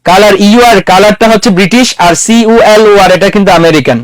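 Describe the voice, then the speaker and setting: A man's voice: high-pitched, fast talker, no room sound. A man lecturing a classroom in a conversational way, quizzing his students and mixing English words into his talk. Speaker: teacher.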